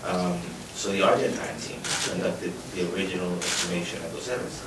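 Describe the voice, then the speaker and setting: A forensic anthropologist born in Guatemala and raised in New York speaks as a panelist at a public discussion, earnest and off the cuff. His low voice is completely flat and he talks fast, recorded by a distant mic in a roomy, noisy lecture hall.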